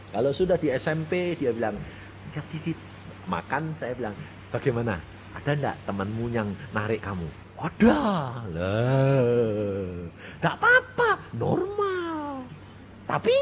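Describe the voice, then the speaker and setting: An older man preaching a sermon, acting out dialogues and swinging between soft asides and loud exclamations. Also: medium pitch. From Indonesia. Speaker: evangelist preacher. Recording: dull lo-fi sermon recording with faint hiss.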